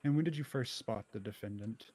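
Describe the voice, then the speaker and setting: A man's voice: on the low side, fairly quick, darkish tone, breathy edge. A man playing a methodical trial lawyer who puts formal, probing questions in a courtroom role-play.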